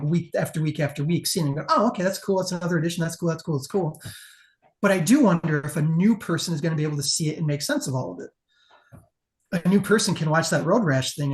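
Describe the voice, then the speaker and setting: Judge talking casually, swears a lot, emphatic opinions, mid-range voice. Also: medium pitch. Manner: emphatic, profane, conversational. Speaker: competition judge. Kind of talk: casual panel critique.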